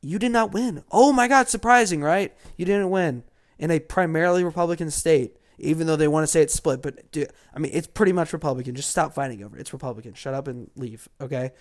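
A man's voice: a little high, fast. A man from Georgia ranting about politics in a casual, sarcastic and mocking way, dropping to mutters and then flaring up. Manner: sarcastic and mocking, swinging from mutters to loud outbursts. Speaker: political commentator.

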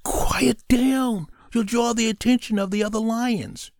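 A man voicing a bossy, cautious male hunter who gives hushed orders. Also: medium pitch, big pitch swings, moderate pace, vocal fry, no room sound, studio quality. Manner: hushed, commanding.

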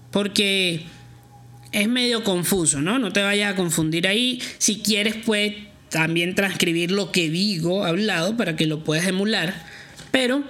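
A man's voice: high-pitched, sharp tone. Male podcast host, self-assured coach, talks straight to the listener in a direct instructional monologue. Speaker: podcast host giving repair-shop advice.

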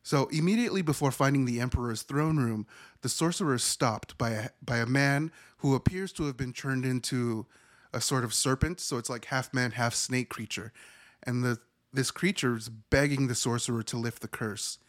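A man's voice: medium pitch, normal speed. A man in his thirties hosting a podcast, recapping a horror movie in a rambling, profane, self-correcting way. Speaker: podcast host reviewing a movie. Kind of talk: casual spoken movie recap.

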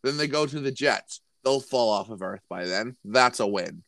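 Man, mid-pitched voice, casual podcast chat, repeats himself, dry close mic. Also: animated, moderate pace, gravelly, a bit bright, dry recording. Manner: repetitive, stumbling restarts. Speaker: podcast co-host.

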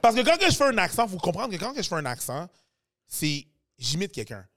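Comedian guest, male, high voice, playful and loose. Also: very animated, a little fast, fairly bright tone. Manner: switches languages, mimics accents playfully. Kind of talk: casual podcast chat.

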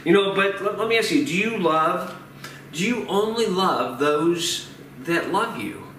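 A man in his forties preaching a sermon as pastor, talking in a halting way, often repeating words and filling pauses with uh. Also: high-pitched, lively intonation, a bit bright. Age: 40s. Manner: hesitant, repeats words and fills with uh. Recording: roomy, distant mic with faint noise.

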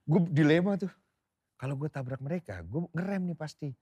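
A young man chatting casually as a podcast guest, telling an animated story full of mouth sound effects. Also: fairly high pitch, normal speed, breathy edge, no echo.

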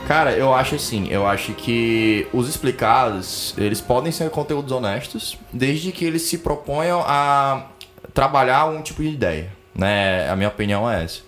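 A man hosting a podcast, speaking in a measured way and often checking in with "né". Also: medium pitch, fairly bright tone, soft background music. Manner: measured, hedging with "né". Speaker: podcast host. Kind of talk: podcast chat.

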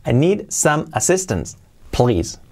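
A man teaching English phrases in a video lesson for Spanish speakers, repeating each one slowly to model the pronunciation. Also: on the high side, very animated, a little mellow.

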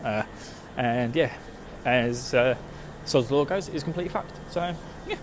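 A man's voice: mid-range voice, unhurried. A man with an Essex, Estuary English accent and slightly slurred, lazy diction, chatting casually and jokily to listeners as a gaming show host, with plenty of swearing. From Essex, England. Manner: sweary, jokey, informal. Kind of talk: casual chat, rambling to listeners. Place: outdoors, walking, urban surroundings. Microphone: handheld phone. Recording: noisy outdoor phone recording with traffic.

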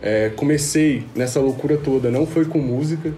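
Podcast guest: twenties, from Rio, laid-back slangy storyteller, echoey room. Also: male voice, mid-range voice, normal speed, warm tone, faint music behind. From Rio de Janeiro, Brazil. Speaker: podcast guest, music producer. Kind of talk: casual chat. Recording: roomy, faint background noise.

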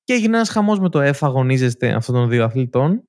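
A young man co-hosting a casual podcast chat, telling stories with animated bursts and rising excitement. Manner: animated storytelling, rising pitch when excited. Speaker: podcast co-host.

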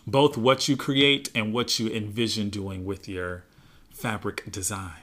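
A man hosting an interview, asking thoughtful, affirming questions in a relaxed conversational way. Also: on the low side, unhurried. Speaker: podcast host.

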